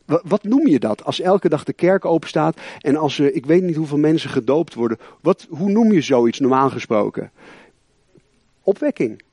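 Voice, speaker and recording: A man pastor giving a lively sermon, talking with many restarts, repeated words and rambling asides. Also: fairly high pitch, moderate pace, few pauses, slightly rough, no room sound, clean studio sound.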